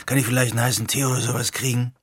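A man's voice: mid-range voice, little pitch movement, rapid-fire, husky, dry recording, clean studio sound, lightly acted. A man voicing a grumpy, chilled young man with a cold, talking bluntly. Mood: grumbling. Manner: grumbling, blunt. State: sniffly from a cold.

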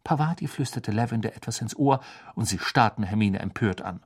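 A man reading a novel aloud as an audiobook narrator with expressive storytelling. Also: on the low side, a little fast, slightly rough. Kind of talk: scripted narration.

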